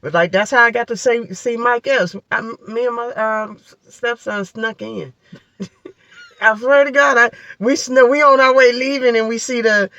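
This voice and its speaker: A man hosting a radio talk show, telling a lively anecdote with laughs in casual chat. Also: very high voice, a little slow, dry recording. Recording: dull lo-fi dry sound.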